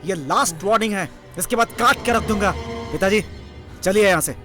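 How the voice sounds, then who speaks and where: A fiery young hero, played by an actor, threatens with intensity over clear background music. His voice is high for a man and pressed forward. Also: fairly quick, lightly acted. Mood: threatening. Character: hot-headed young hero defending his father. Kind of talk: dubbed film acting.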